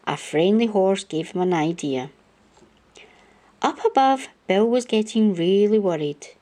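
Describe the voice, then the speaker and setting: In a medium-pitched voice, a woman brings a children's storybook to life as an expressive narrator, keeping her pace measured.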